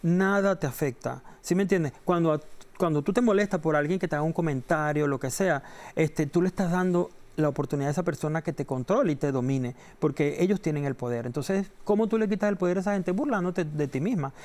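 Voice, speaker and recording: Animated Venezuelan reporter telling stories. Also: male voice, brisk. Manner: acts out the voices in his anecdotes, jumping up in pitch. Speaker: entertainment reporter, interview guest. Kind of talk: animated storytelling in an interview.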